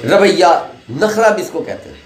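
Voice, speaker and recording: A man's voice: high voice, expressive, normal speed. A man, an English teacher giving a chatty classroom lecture full of anecdotes and pronunciation drills. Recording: echoey room with faint noise.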